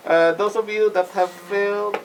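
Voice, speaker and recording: A man narrating a live tabletop game as game master, halting and suspenseful. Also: high voice, steady tone, a loud crowd.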